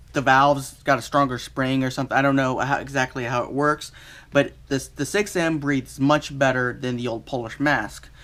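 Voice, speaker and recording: A man giving a casual, unscripted product review in a halting, think-aloud way. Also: on the high side, a bit bright.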